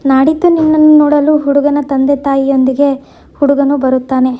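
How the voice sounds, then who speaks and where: A woman reading the part of a gentle, consoling widowed man, in a dull lo-fi recording. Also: sits high, little pitch movement, normal speed, close to an everyday voice.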